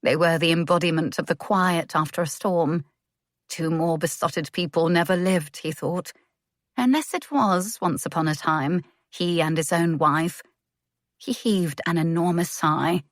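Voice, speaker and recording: A woman narrating a romance audiobook in a measured, gentle way. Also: on the low side, no room sound, clean studio sound. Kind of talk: scripted narration.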